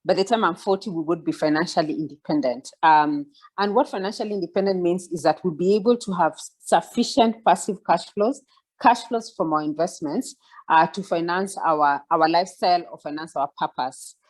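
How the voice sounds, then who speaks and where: A woman in her forties, guest speaking on a video call, offers reflective mentoring with many fillers and restarts, urging listeners to follow along. She has a lowish voice and a brisk pace.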